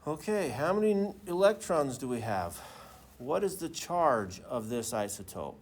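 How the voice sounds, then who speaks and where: A man's voice: medium pitch, sing-song, unhurried. A man teaching a class in the manner of a professor lecturing, informal and often checking in with students through questions.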